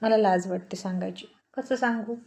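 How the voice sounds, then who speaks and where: A woman's voice: mid-range voice, moderate pace, warm tone, natural voice. A woman storyteller voicing a shy, bashful young village bride in a spoken romance story. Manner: bashful, pleading.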